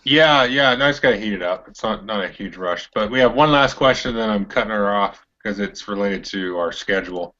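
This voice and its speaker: A man's voice: lowish voice, fairly quick, few pauses, pushed and bright, muffled recording. A man with a nasal voice and an American Northwest and California accent, co-hosting a casual board game chat in a laid-back, hesitant way. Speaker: co-host.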